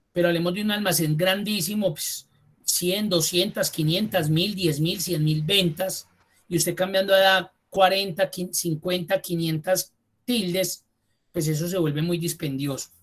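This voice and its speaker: A man with a high voice teaches an online spreadsheet class as a computer course instructor. He talks to students directly and informally, repeating key terms slowly for emphasis.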